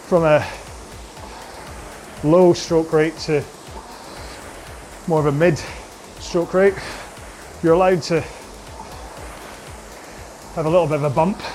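A man coaching an indoor rowing workout, giving slow, measured cues about posture and pace. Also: on the high side, darkish tone.

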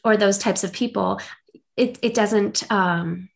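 A woman's voice: medium pitch, slow pace, gravelly. A young woman co-hosting a podcast, talking in an earnest, upbeat, rambling way. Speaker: podcast co-host. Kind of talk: casual chat.

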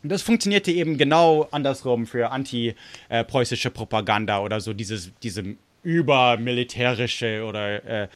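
A man's voice: medium pitch, moderate pace. A man with an American accent in German, a native English speaker, chats casually about history, searching for words and slipping in English ones. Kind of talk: casual podcast discussion of history.

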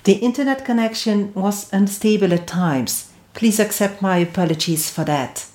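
A woman hosting a podcast who reads a formal introduction and asks interview questions at a measured pace. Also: medium pitch, a little mellow, echoey room. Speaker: podcast host.

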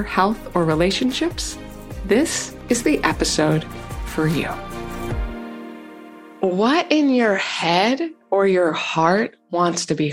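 A woman hosting a podcast, reading a scripted intro and asking encouraging interview questions. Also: on the low side. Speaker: podcast host.

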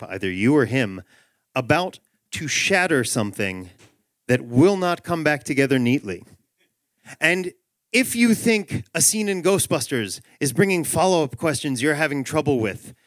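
Calm stern inner voice, a man putting it on, measured and quiet, dry. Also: on the high side, no echo. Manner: level, measured, scolding.

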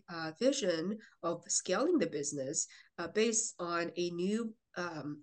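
A young woman from China, a real estate investor, answering interview questions in a fluent, businesslike way. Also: fairly low pitch.

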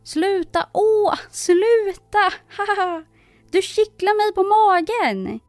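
A woman's voice: big pitch swings, a little mellow, no echo, soft background music, exaggerated voice. A woman voicing a tiny, pitiful voice coming from a wooden log in a storybook reading. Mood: giggling. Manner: squeaky, whimpering, giggly.

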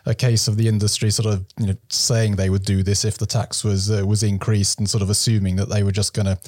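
A man's voice: lowish voice, little pitch movement, brisk, darkish tone, dry recording, studio quality. A man discussing policy in an interview, thoughtful and hedging, with frequent fillers like "you know" and "sort of".

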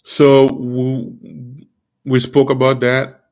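A man giving an earnest, informal sermon, repeating himself often and filling pauses with "you know". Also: mid-range voice, monotone, darkish tone. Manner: earnest, repetitive, many fillers like "you know". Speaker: preacher.

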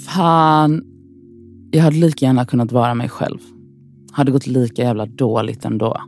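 A woman's voice: extremely low pitch, steady tone, a little mellow, faint music behind. Wry, swearing woman talking to herself. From Sweden. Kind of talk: scripted inner monologue narration.

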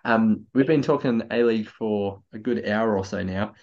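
A man co-hosting a podcast chats casually, a bit tipsy and enthusiastic, often stammering and starting over. His voice sits on the low side with a darkish tone and a moderate pace, captured in slightly dull, lo-fi audio.

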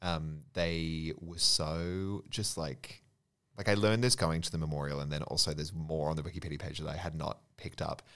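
A man chatting casually as a podcast guest, animated and swearing freely with frequent laughs. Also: extremely low pitch, normal speed, clean tone. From Australia.

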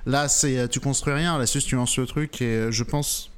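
A man's voice: mid-range voice, steady tone, normal speed, clean tone. A man chatting casually as a podcast co-host, with a blunt, joking, dismissive way of talking. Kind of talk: casual chat.

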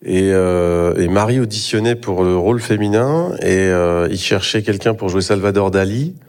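Hesitant low-voiced middle-aged man. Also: normal speed, a little mellow. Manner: hesitant, many fillers and restarts. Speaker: actor, interview guest. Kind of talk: live stage interview, casual. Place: theatre stage before an audience.

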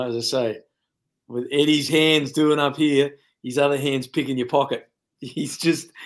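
A former coach, a man, giving blunt and colourful rugby analysis in casual chat, laughing at his own jokes. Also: medium pitch.

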